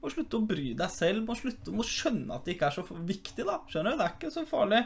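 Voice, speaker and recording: Young man, Oslo slang accent, fairly high voice, casual swearing rant. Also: very animated, vocal fry, slightly rough. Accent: Norwegian (Oslo youth slang). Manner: slangy, swears often, addresses viewers as "the guys". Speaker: YouTuber reacting to news.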